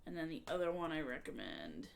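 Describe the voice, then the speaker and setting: Low-pitched woman streaming games, casual and chatty. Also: very animated, a little fast, gravelly, a little hiss or hum. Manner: conversational, explaining game tips to viewers. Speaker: variety gamer and streamer. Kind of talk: casual live game stream chat.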